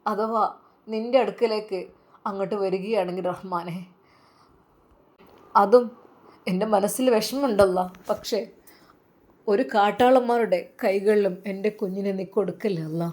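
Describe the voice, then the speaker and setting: A woman voicing a soft-spoken young male cleric. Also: mid-range voice, unhurried, pauses often, lightly acted. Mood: praying. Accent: Malabar Malayalam. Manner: soft, pleading, quiet.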